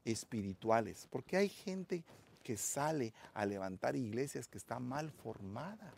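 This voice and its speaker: A man's voice: mid-range voice, expressive, unhurried, vocal fry, a little mellow, slight background noise. A man preaching a sermon as a pastor, calling his listeners brother and building up emphasis.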